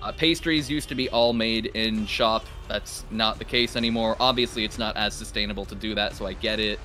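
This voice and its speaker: A man's voice: on the low side, fairly even intonation, brisk, bright, forceful tone, soft background music. A man from Canada casting a live game stream, explaining at length and laughing often. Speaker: esports caster. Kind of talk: casual live-stream commentary.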